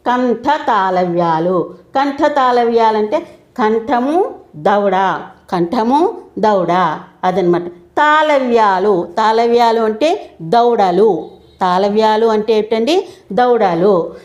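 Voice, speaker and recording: A middle-aged woman teaching Telugu. She explains slowly and patiently, asks questions and answers them herself, and draws out each letter as she sounds it. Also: medium pitch. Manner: patient, repeats each point and answers her own questions.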